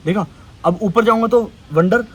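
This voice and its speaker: A man's voice: sits high, normal speed, breathy edge. A man vlogging casually outdoors near a railway line, acting out emotions between chatty asides. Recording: loud outdoor noise with passing traffic.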